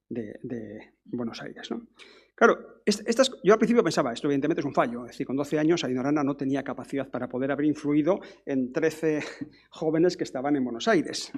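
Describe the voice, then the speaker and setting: Man, conference lecture, husky, gravelly, rambling with restarts. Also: fairly high pitch, a little mellow. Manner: discursive, many restarts and tag questions. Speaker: academic speaker.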